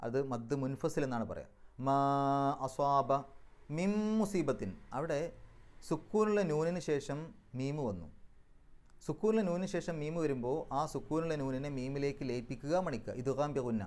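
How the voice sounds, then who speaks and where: Man, recitation teacher, middle-pitched, methodical explanations, slower louder chanted examples. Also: lively intonation. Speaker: Quran teacher. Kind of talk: recitation rules lesson.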